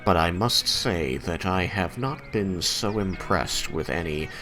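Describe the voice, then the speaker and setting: A man voicing a suave, grandiose fae marquis in a formal, unhurried baritone for a tabletop game. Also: expressive, pushed and bright, full character voice, poor audio. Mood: courtly, flattering. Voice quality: deep baritone. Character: suave grandiose fae marquis, smooth deep-voiced tempter. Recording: music playing behind the voice.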